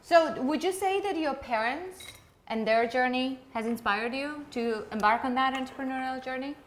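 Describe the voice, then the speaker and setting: A woman's voice: high-pitched, normal speed, slight background noise. A woman hosting a casual cooking chat in a home kitchen, enthusiastic and full of eager questions. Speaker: host.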